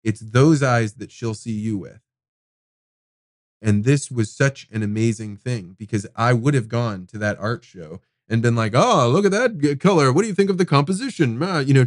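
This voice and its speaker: A man hosting a podcast, telling a personal story in an animated, casual way, swearing now and then. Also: medium pitch, no room sound, clean studio sound. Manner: animated, swears casually, acts out quoted people. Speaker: podcast host. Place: studio.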